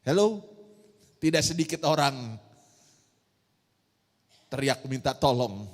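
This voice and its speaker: Long reverb fills the large church hall where this woman pastor delivers her emphatic sermon. She speaks slowly and animatedly in an extremely low voice, peppering the congregation with rhetorical questions.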